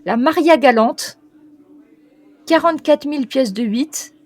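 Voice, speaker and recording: Hesitant woman game master reading a list. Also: high-pitched. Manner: hesitant, many fillers while reading out a list; reads foreign names haltingly. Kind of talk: narrating a tabletop role-playing game.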